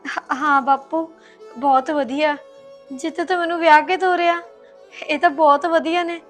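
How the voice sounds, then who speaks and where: A put-upon young wife who misses her parents, played by a woman, talks in a high, soft and resigned voice in a short film drama. The room rings with a noticeable echo, and faint music runs under her. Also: steady tone, moderate pace, close to an everyday voice. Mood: forced cheer. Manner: soft, resigned, holding back tears. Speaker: daughter-in-law. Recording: roomy echo.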